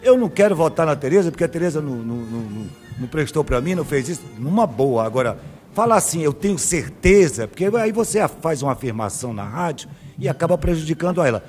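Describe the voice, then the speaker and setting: A man with a Northeastern Brazilian accent hosts a radio call-in program with a fairly high voice. He sounds affable and reassuring, calmly defending what he said. Faint music plays underneath. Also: fast. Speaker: radio host.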